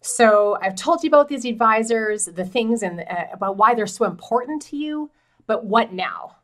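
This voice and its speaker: A woman's voice: on the high side, expressive, normal speed. A middle-aged woman giving direct, encouraging advice as a farm transition specialist, talking to camera in a small office. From Canada. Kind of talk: educational talk to camera.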